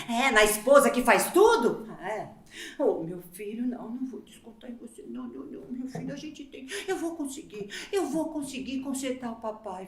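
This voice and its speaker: An actress playing an overworked, exasperated housewife on a theater stage, swinging from hushed pleading to shrill outbursts. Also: female voice, reverberant, close to an everyday voice. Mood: pleading, tender. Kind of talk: live stage theater acting.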